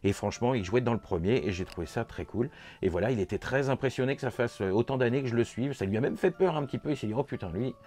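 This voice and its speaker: A man's voice: mid-range voice, darkish tone. A man with a French accent recapping a horror convention in a casual vlog, enthusiastic and rambling with many fillers and repeats. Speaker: vlogger recounting a convention.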